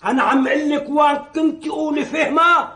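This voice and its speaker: An actor playing a jealous, short-tempered husband with a Lebanese accent, bickering and demanding. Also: male voice, very high voice, fairly even intonation, brisk, bright, forceful tone, roomy sound. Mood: irritable. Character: quick-tempered jealous husband, middle-aged man. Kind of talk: sitcom acting.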